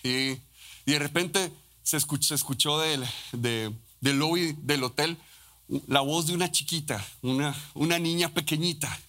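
A Costa Rican pastor preaching a sermon in a fervent way, often restarting and adding tag questions. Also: male voice, fairly high pitch, unhurried, pushed and bright. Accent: Costa Rican Spanish. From Costa Rica.

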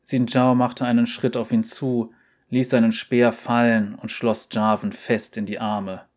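A man narrating a story in a calm, even audiobook reading. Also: medium pitch, a little slow.

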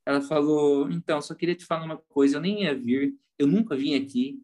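A man with a Brazilian Portuguese accent, a pastor chatting casually on a podcast and telling lively stories. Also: a little high, a little fast. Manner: animated storyteller, acts out quoted voices.

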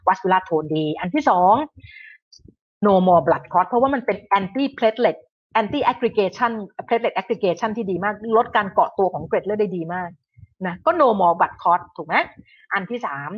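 A woman's voice: medium pitch, slow pace, no room sound, highs cut off. A woman giving a casual online health lecture in a chatty way, sprinkling English medical terms and often restarting her sentences.

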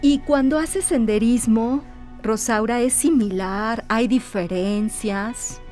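Woman hosting a conversational interview, her voice mid-pitched with faint music underneath. She listens attentively and asks questions at a measured pace, backing up her guest with short affirmations. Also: a little mellow.

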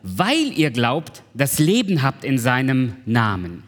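Lively preacher in echoing hall. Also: male voice, medium pitch, slow. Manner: conversational, asks the congregation questions. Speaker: pastor. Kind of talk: sermon. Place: church hall. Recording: reverberant church hall.

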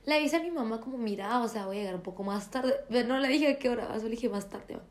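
A woman's voice: on the high side, very fast. A young woman, chatting casually and acting out quoted dialogue as she tells a story. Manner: animated, acts out quoted dialogue.

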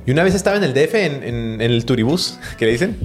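A man's voice: medium pitch, quick pace, faint music behind. A man from the Tijuana border with a northern Mexican accent, chatting casually and jokingly as a podcast co-host. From Tijuana area, US-Mexico border. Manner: slangy, joking, animated storytelling. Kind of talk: casual chat.

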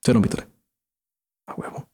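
A man's voice: moderate pace, darkish tone. A man with a Mexican accent hosting a casual monologue, rambling in crude slang and often trailing off and restarting. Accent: Mexican Spanish. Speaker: podcast host.

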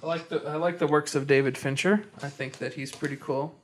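Brisk and steady in tone, a young man with a fairly high voice hosts a relaxed podcast conversation. His delivery is halting, full of stammers and restarted sentences.

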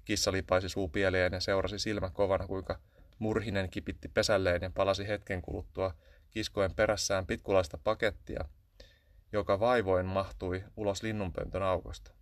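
Low-voiced man reading a storybook. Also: level tone, no room sound. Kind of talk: scripted storybook narration.

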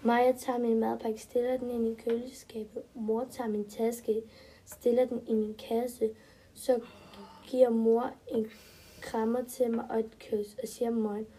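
Mellow, higher-voiced woman telling a story. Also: little pitch movement, husky. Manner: simple short sentences, step-by-step telling. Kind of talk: first-person children's story reading.

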